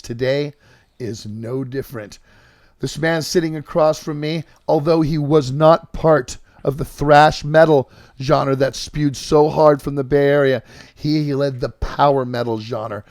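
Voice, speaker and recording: A man with a gravelly, rough-edged voice hosts a loose, enthusiastic interview, rambling and cursing casually. The sound is dry and close. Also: on the high side, dry recording. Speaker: podcast host.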